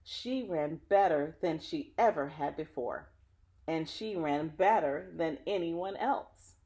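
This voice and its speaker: Reading a picture book aloud in a low, mellow voice at a slow pace, this woman is dramatic and expressive. She draws listeners in, speaking directly to them with chatty asides.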